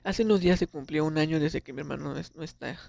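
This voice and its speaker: A man's voice: on the high side, fast talker, gravelly, darkish tone, no room sound. Young male narrator, first-person confessional storytelling, somber and earnest, dry dull lo-fi audio. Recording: dull lo-fi recording.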